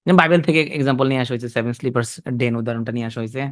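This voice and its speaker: A man teaching a literature class in a conversational way, often asking students quick check questions. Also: mid-range voice. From Bangladesh. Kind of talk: exam-prep literature lecture.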